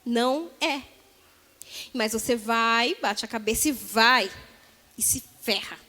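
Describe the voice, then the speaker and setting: A Brazilian woman preaching a sermon, telling the story in a lively way and acting out the voices of the people in it. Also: fairly high pitch, slow pace, in a large hall. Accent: Brazilian Portuguese.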